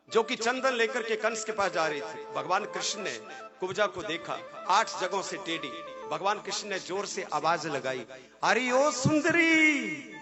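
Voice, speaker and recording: A man with a high voice tells a scripture story as a preacher, dramatic and animated. The sound is slightly dull. Sitar music plays steadily behind him. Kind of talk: sung scripture storytelling sermon.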